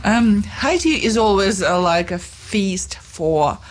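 A woman hosting a casual interview, chatty and quick to laugh. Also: mid-range voice, expressive. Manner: chatty, laughing easily, with many fillers. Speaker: radio host.

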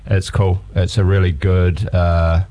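A man with a New Zealand accent hosting a radio show in casual, laid-back, slangy and halting chat. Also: deep voice, level tone, warm tone.

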